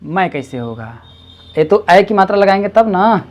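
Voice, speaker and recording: A woman tutoring reading one-on-one, patiently repeating syllables slowly and coaxing her student along. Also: mid-range voice, animated, darkish tone.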